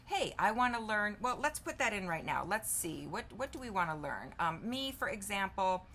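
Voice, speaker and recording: A woman's voice: medium pitch, sing-song, moderate pace, vocal fry, fairly bright tone, slight background noise. A woman in her fifties talking casually to camera, thinking aloud and reading answers off her screen. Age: 50s. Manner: chatty, thinks aloud while typing, reads answers aloud. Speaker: vlogger. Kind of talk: casual chat while demonstrating.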